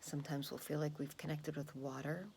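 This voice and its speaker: A woman calmly guiding a grounding exercise in an unhurried, soothing way with pauses, her breathy voice often dropping close to a whisper. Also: sits low, slight background noise. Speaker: guided meditation leader. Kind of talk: calm guided grounding exercise.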